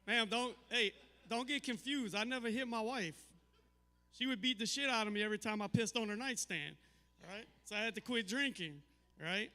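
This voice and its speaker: A male stand-up comic with a high, bright, smooth voice. He delivers his set in a dry, halting way full of fillers. A long hall reverb trails his voice in the live venue. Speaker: stand-up comedian. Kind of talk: stand-up comedy.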